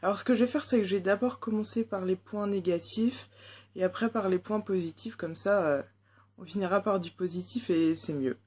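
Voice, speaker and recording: A beauty vlogger, a young woman with a French accent, reviews a makeup palette in a medium-pitched, slightly mellow voice at a fairly quick pace. She sounds chatty and hesitant, packing her talk with fillers.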